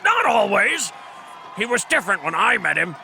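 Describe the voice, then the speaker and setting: An actor playing a washed-up, proud old drunken adventurer in a comic fantasy audio drama, with a creaky, melodramatic delivery. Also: male voice, high-pitched, very animated, normal speed, a loud crowd, exaggerated voice. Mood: defensive. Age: older.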